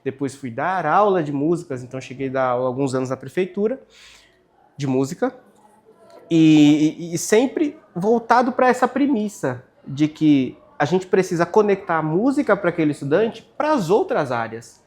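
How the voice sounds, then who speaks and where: Brazilian school podcast host, mid-pitched, affirming and building on the guest. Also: very animated, moderate pace, darkish tone. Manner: agreeable, adds to guest's points. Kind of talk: casual school podcast interview.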